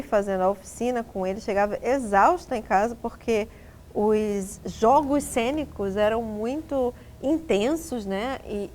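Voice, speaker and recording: A woman's voice: on the high side, darkish tone. A middle-aged woman from Rio de Janeiro, a guest on an interview show, recalling past experiences in a reflective way with frequent tag questions. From Rio de Janeiro, Brazil. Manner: reflective, filler-tagged, trails off. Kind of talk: casual interview conversation.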